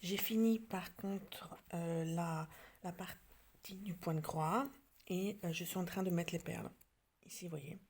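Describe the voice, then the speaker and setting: A woman from France in a casual show-and-tell vlog, talking hesitantly with many fillers and restarts, often dropping to a soft near-whisper. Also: lowish voice, fairly even intonation, a little slow, slightly rough. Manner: drops to soft near-whispers while showing details. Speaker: craft vlogger.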